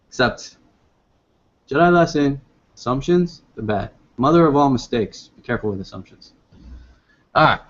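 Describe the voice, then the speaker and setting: A man's voice: fairly low pitch, lo-fi sound. A man hosting a casual live online discussion, rambling and upbeat with many fillers. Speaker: host.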